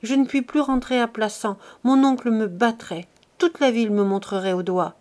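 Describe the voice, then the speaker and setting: A woman's voice: a little high, normal speed, darkish tone, close to an everyday voice. A woman reading as a frightened, tearful teenage girl. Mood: distressed. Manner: pleading and distressed. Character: frightened ashamed thirteen-year-old girl, tearful.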